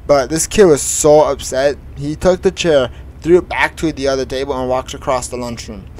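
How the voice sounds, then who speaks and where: A man's voice: medium pitch, moderate pace, darkish tone, a little hiss or hum, low-quality recording. A teenage boy casually telling a long school story while playing a truck driving game, rambling with many fillers and restarts. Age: teens. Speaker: gaming streamer.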